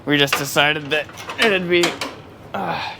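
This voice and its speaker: A man's voice: on the high side, takes it slowly, gravelly, background noise. A tired man vlogging outdoors beside his truck, rambling easily with lots of fillers. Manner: rambling, easygoing, with many fillers and laughs. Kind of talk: casual off-the-cuff vlog talk.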